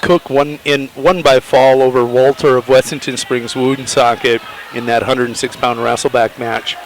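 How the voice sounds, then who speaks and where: A man's voice: mid-range voice, level tone, moderate pace, a little hiss or hum, rough recording. Upbeat male wrestling play-by-play announcer. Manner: upbeat, chatty, laughs easily. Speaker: wrestling commentator. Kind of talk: play-by-play commentary.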